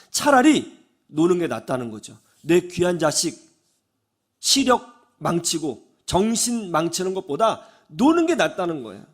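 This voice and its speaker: A male pastor preaching with a fairly high voice that swoops and jumps with emphasis. He keeps asking his listeners questions and answering them himself. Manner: animated, questions the congregation. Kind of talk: sermon.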